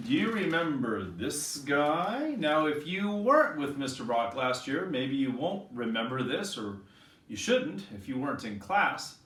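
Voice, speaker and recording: A man teaching an online music lesson to young children, gentle, encouraging and playful. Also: fairly high pitch. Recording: echoey room, voice a bit distant. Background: acoustic guitar.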